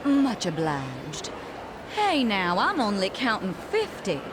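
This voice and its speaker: A woman's voice: mid-range voice, wildly swooping pitch, takes it slowly. A woman voicing a sassy, coy, teasing companion in a video game, with background noise behind her.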